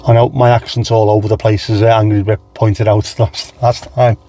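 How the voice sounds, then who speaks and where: This man's lowish, mellow voice stays level as he speaks fairly fast, a mild Scouse accent marking him as from England. Hosting a livestream with little energy, he rambles chattily, naming viewers from the chat and replying to each.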